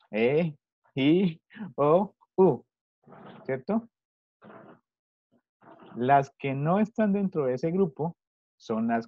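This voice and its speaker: A man's voice: fairly high pitch, no room sound, highs cut off. A man teaching an online English class to children in Spanish, patiently repeating his questions. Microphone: video call.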